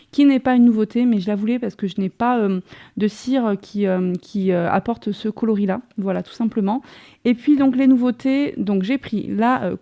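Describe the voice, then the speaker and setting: A woman with a French accent hosts a casual crafting haul vlog. Her voice sits a little high but sounds soft and mellow. She chats along easily, often pausing on small fillers and restarting her sentences. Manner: chatty, many fillers and restarts. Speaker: crafting channel host.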